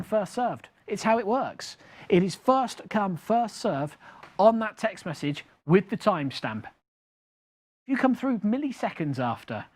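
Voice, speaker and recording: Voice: medium pitch, a little mellow. A bingo caller hosting a live game show, chatting casually, repeating each number with its nickname and building suspense. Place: studio. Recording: music behind the voice.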